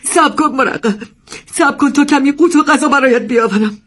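A man's voice: very high-pitched, fairly bright tone, pitched above the performer's own voice. A man voicing an anxious, stern middle-aged mother who speaks firmly and pleads with her son. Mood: resolute. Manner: pleading, then firm and resolute.

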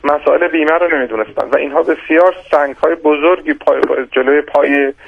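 A man giving measured, explanatory answers as an economist guest in a radio interview, with frequent hesitations and restarts. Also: a little high, vocal fry, husky, no echo. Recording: dry, dull lo-fi radio sound.

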